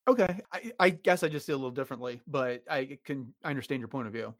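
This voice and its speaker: A man co-hosting a podcast in a casual discussion, with a middling pitch. He talks in a measured, thoughtful way and restarts his sentences with repeated words. The recording is close and dry. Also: animated, no room sound. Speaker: podcast co-host.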